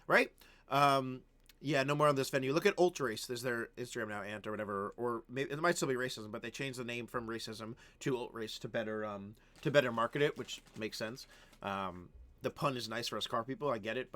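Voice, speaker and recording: A man's voice: mid-range voice, fast talker, a bit bright. Chatty male streamer giving video feedback. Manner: chatty, frequent "um" and "right?", coaching tone. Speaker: live stream host reviewing viewer videos. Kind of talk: casual live-stream commentary.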